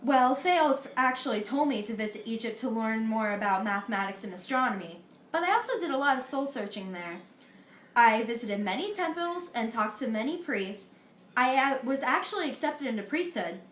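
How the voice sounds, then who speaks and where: For a school history project, a teenage girl plays the philosopher Pythagoras, an earnest older man, in a mock interview, reciting her answers earnestly, a little haltingly, with small slips. Her voice is fairly high and a bit bright with lively intonation. The recording is reverberant, with slight background noise.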